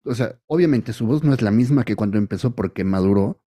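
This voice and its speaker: Mellow-voiced Mexican man giving opinions. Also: lowish voice, brisk. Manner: opinionated, makes points at length. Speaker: podcast co-host. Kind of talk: casual chat.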